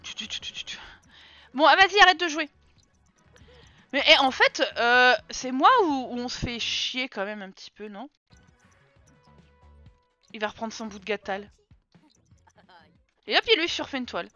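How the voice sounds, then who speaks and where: Bright high-voiced woman streamer. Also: moderate pace, pauses often. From France. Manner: chatty, teasing, talks to her game characters. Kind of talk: casual gameplay commentary. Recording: dull lo-fi sound with game music behind.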